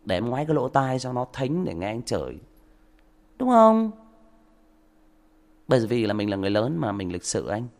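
A man's voice: medium pitch, very animated, normal speed, pauses often, darkish tone. A man, hosting a livestream and lecturing a rude commenter with mock politeness and emphatic rhetorical questions. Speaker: audiobook livestream host.

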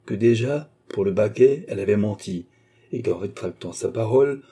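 A man narrating a classic novel as an audiobook, in a measured, dramatic storytelling manner. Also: lowish voice, mellow, breathy edge.

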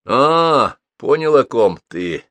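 A man voicing a gruff, hot-tempered middle-aged man who talks bluntly and coarsely and flares into loud outbursts. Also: mid-range voice, very animated, slow, dry recording, voice pushed up. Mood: scornful.

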